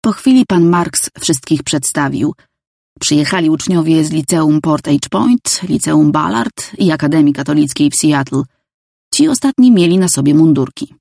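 A woman reading a novel aloud in first person, calm and even. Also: deep voice, moderate pace, gravelly, dry recording, studio quality. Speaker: audiobook narrator. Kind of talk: scripted first-person narration.

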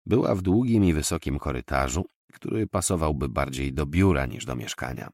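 A man narrating a novel in an expressive, measured storytelling manner. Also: extremely low pitch, dry recording, studio quality. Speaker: audiobook narrator. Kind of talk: novel reading.

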